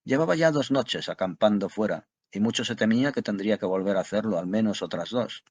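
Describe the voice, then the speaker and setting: Low husky male narrator, measured storybook reading, dry close sound. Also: expressive, darkish tone, no room sound. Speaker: audiobook narrator. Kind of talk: scripted narration.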